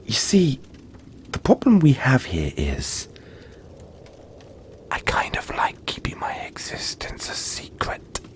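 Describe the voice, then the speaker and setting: A man whispers as a cuddly, gentle yeti who has lived a long time, in an intimate audio roleplay. His medium-pitched voice swings hugely in pitch, reassuring with breathy, dramatic pauses, and the mood is coy and deliberate.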